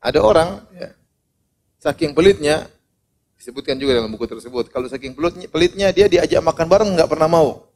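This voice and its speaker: A man's voice: fairly high pitch, brisk. A man preaching an Islamic sermon with humorous storytelling, acting out the voices of the people in his stories. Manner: animated, humorous, acts out quoted voices.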